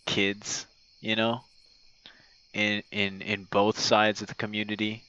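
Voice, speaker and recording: A man, an online audio creator and game streamer, speaks slowly and in a monotone, his lowish voice pushed, bright and clean. His casual monologue meanders hesitantly like a voice message to a friend, with easy swearing. There's no room sound and the highs are cut off, with crickets and insect night sounds outdoors.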